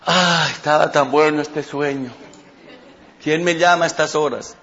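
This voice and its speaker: Steady and earnest, this is Daniel the faithful prophet, voiced by a male preacher in the middle of a sermon. The voice sits high for a man and speaks with quiet conviction. The recording sounds dull and lo-fi. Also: unhurried. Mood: sleepy.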